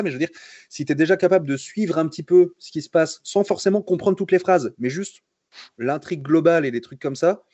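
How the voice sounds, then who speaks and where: Young French guy, easygoing and jokey, mid-pitch voice, dry slightly muffled sound. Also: dry recording. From France. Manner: relaxed, joking, many fillers and restarts. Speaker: guest concept artist. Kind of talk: casual storytelling in a livestream interview.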